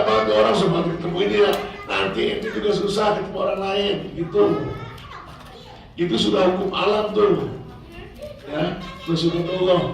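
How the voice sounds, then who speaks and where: A hoarse man with a Betawi accent, giving a casual sermon full of jokes and playful asides. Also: fairly high pitch. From Jakarta, Indonesia. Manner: joking storyteller, playful asides. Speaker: preacher. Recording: very echoey hall, voice far from mic.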